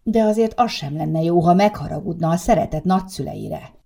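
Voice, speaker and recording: A bumbling, good-natured grandfather mumbles excuses and defends himself, as a woman narrator puts him on. The voice sits fairly low and stays close to her plain reading voice. It is an audiobook telling. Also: gravelly, warm tone. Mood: defensive. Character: easygoing bumbling grandfather, older man.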